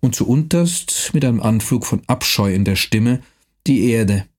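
A man voicing a frail, haughty old nobleman who speaks slowly in a thin, wheezing voice, with long pauses. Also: medium pitch, expressive, a little mellow. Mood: solemn. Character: frail old male nobleman, pipe-smoking, mystical, haughty.

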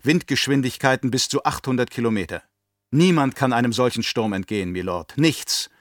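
A man's voice: medium pitch, fairly quick, dry recording, lightly acted. Man voicing a guard captain, nervous, servile, stammering, dry audiobook sound. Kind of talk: audiobook reading.

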